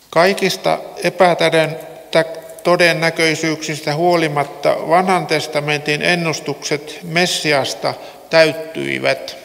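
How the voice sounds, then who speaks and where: A man reading the gospel and preaching in a measured, solemn way in a church. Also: fairly high pitch, gravelly, a bit bright. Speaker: pastor. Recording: long church reverb.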